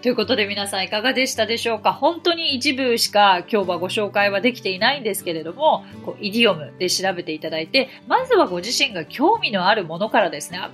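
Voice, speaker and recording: A woman from Japan speaks at a medium pitch with a somewhat bright tone while hosting an English-learning podcast. As an English teacher, she walks listeners through phrases with everyday examples, staying chatty and encouraging.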